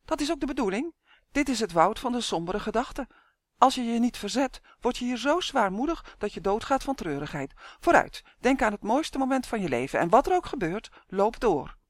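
A woman reading an audiobook, voicing a spirited, cheerful little dwarf girl who talks in a bright, bossy way. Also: on the high side, big pitch swings, fairly quick, no echo, clean studio sound, pitched above the performer's own voice. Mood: urging, cheerful. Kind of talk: audiobook character voice.

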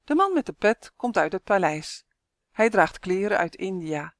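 A woman author reading her own children's storybook aloud, clear and expressive. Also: mid-range voice, unhurried, no echo, studio quality. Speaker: author and narrator.

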